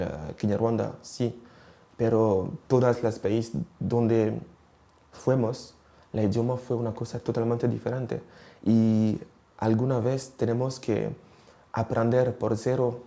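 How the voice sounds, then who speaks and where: Medium in pitch and warm, this man's voice carries noticeable vocal fry. He's in his twenties, from Rwanda, and mixes languages while hesitantly working through interview answers, often groping for words.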